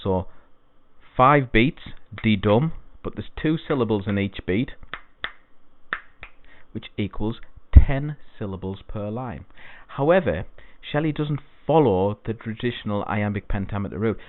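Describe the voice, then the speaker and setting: Male tutor, patient and repetitive exam-prep explainer; lowish voice, lo-fi phone-line sound. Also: animated, normal speed, a little hiss or hum. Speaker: English tutor. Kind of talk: exam-prep poetry lesson.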